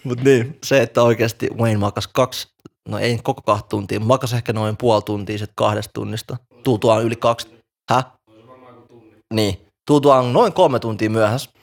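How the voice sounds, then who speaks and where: A man's voice: medium pitch, fairly even intonation, gravelly. A man chatting casually and joking in a rambling, slangy way. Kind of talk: casual chat about rap.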